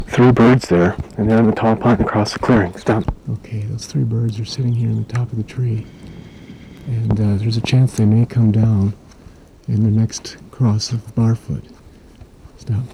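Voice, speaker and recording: A man quietly dictating clipped field observations into a recorder outdoors at a forest clearing at dawn, ending each entry with "stop". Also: fairly low pitch, a little hiss or hum. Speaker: field researcher logging bird activity.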